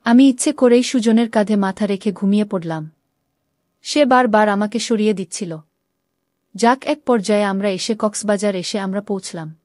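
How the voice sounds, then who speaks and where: A woman narrates a first-person story at a steady storytelling pace. Her tone is mellow and warm, and the recording is dry with no room sound. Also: medium pitch, normal speed, no room sound. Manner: reads all characters in her own voice with small shifts.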